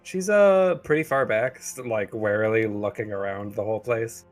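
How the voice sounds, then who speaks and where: A man's voice: fairly low pitch, normal speed, soft background music. A man playing a tabletop game, describing his character hesitantly with fillers. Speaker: player. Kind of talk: casual tabletop play.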